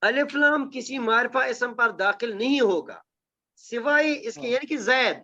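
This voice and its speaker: A man with a very high, sharp voice and lively intonation teaches Quranic Arabic grammar. During the recitation lesson he explains step by step and asks his students over and over whether they're with him, all on dull lo-fi audio.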